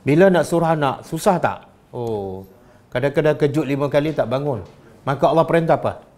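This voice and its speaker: A man with a Malaysian Malay accent delivers an animated religious lecture, peppering his listeners with rhetorical questions. His voice is on the high side and fairly quick.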